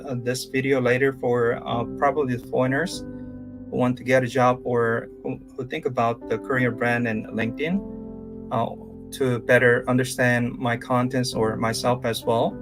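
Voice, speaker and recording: Speaking English with a Korean accent, this career coach from South Korea, in his thirties, stumbles through a live-streamed lecture full of fillers and restarts. The voice is mid-range with little pitch movement, and it's heard over music.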